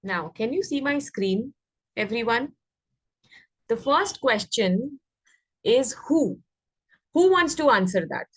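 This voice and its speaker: An Indian-accented woman runs an interactive online English class for young children, prompting them with repeated questions in an instructive way. Her voice is fairly high, animated, and breathy-edged, moving slowly with long pauses. The recording has no room sound.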